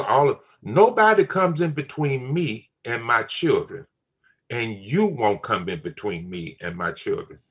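Gravelly, raspy older man, emphatic. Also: mid-range voice, fairly bright tone. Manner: emphatic, repeats key phrases. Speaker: father on a family talk show. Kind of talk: casual family chat.

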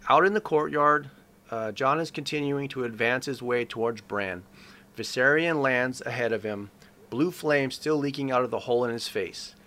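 Bright-voiced man narrating recap. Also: medium pitch. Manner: starts most sentences with "uh". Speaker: co-host recapping a TV episode. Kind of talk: casual scene-by-scene recap.

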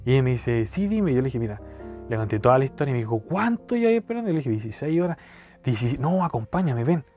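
A man's voice: mid-range voice, lively intonation, fast, dark tone, faint music behind. A young man with a Chilean accent telling a rambling personal story in slangy casual speech. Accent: Chilean Spanish. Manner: rambling, slangy, keeps saying cachai. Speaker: podcast storyteller.

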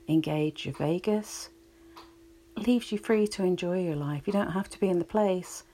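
Slow, gravelly-voiced woman relaxation guide. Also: deep voice, warm tone, slight background noise. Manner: slow, soothing, reflective.

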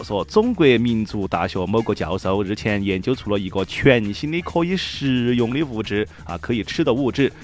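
A male host with a Sichuan accent and a lowish voice runs a comic news show, offering humorous commentary in Sichuan dialect. He mimics a newscaster's delivery but keeps it colloquial and teasing.

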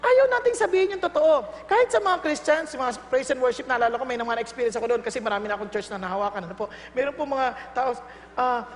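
High-voiced Filipino woman preaching in a hall. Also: fast. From Philippines. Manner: humorous, laughing, acts out quoted dialogue. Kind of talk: sermon in Tagalog and English. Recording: long reverb, faint ambient noise.

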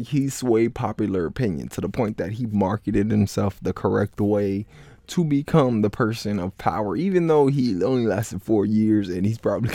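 A man's voice: mid-range voice, creaky, mellow, dry recording, studio quality. A man from Florida hosting a solo podcast, rambling casually with many filler words and restarts. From Florida, United States. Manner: rambling, heavy on "like, you know" fillers and restarts. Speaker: podcast host.

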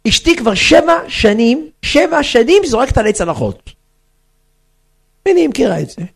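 A man's voice: high-pitched, vocal fry, husky. A man, a rabbi, giving a humorous storytelling talk to women, acting out characters and asking the audience questions. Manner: animated, acts out characters, asks the audience questions.

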